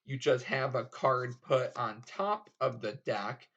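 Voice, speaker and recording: Male tutorial presenter, mid-pitched, slow-paced and informal, explaining step by step. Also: fairly bright tone, dull audio. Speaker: card trick tutorial presenter. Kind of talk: casual instructional tutorial.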